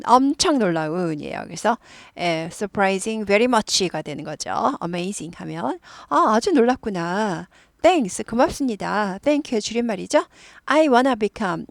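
Gravelly-voiced woman teaching English. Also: mid-range voice, no room sound, clean studio sound. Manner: reads English lines slowly, then explains them in Korean. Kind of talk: explaining a dialogue in an English lesson.

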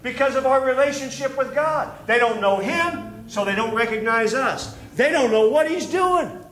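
A middle-aged pastor preaches from a wooden pulpit on a church stage, reading scripture aloud with growing fervor. His very high voice is expressive and a bit bright, at a moderate pace. The pulpit microphone captures a roomy church-hall sound.

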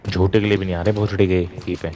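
A man talks over a noisy voice chat line, casually bossing his teammate with quick game instructions. His voice sits fairly low, with clear noise hissing behind it. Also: flat delivery, dark tone.

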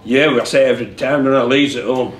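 At a post-match press conference in an echoey room with faint humming, a fast-talking rugby league head coach with a mid-range voice speaks candidly into a desk mic, often repeating words as he thinks.

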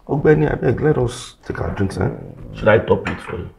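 An actor playing a cynical, pushy, worldly friend in a film drama, scoffing, with a Nigerian accent. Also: male voice, medium pitch, brisk, creaky, slight background noise. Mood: scornful. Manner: scoffing, animated.

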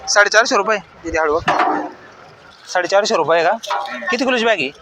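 A man vlogging from an outdoor vegetable market, firing quick questions at farmers and repeating each answer back as a question. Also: high-pitched. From Maharashtra. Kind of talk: quick on-the-spot interviews with farmers. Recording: noisy open-air market.

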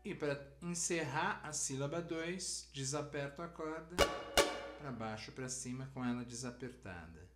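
A man with a Brazilian Portuguese accent teaching a cavaquinho lesson, explaining each step slowly and patiently. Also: mid-range voice, expressive, loud music behind the voice. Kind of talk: music lesson instruction. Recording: roomy sound with instrument playing.

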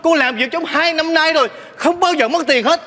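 An actor playing a timid house servant who stammers and pleads in a stage comedy sketch. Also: male voice, extremely high pitch, normal speed, pushed and bright. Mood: pleading.

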